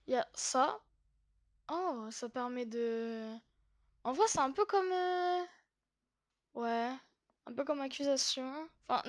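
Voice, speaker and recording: High-pitched woman giving chatty game commentary. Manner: chatty, hesitant with many fillers, giggly. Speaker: gaming YouTuber. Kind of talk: casual gameplay commentary.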